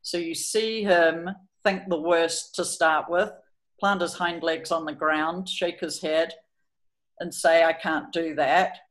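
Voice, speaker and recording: A woman's voice: lowish voice, fairly even intonation, slow pace, fairly bright tone. A middle-aged woman, a horse trainer chatting hesitantly through a training video and telling stories about her horse. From New Zealand. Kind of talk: explaining training over a video, storytelling.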